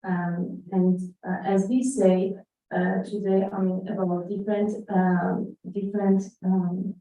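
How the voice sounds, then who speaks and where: A woman's voice: mid-range voice, flat delivery, slow pace, dark tone. A young woman with an Iranian accent giving a hesitant conference talk, full of fillers and restarts, partly reading a statement aloud. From Iran. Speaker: conference speaker. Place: conference room. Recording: echoey hall, distant dull mic.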